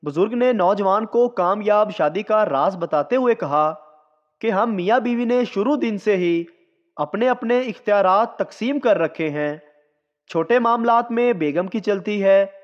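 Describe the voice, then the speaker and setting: A man with a notably high voice reads jokes aloud at an unhurried pace. His delivery is scripted and even, like a storyteller. The sound is dull and lo-fi, with a long reverb trailing behind every word. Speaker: joke narrator. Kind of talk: scripted joke reading.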